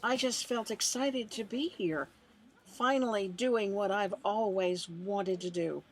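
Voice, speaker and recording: An actress playing a sincere elderly woman, a new amateur actress, speaking slowly and plainly in a comedic audio drama. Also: medium pitch, a little hiss or hum, close to an everyday voice.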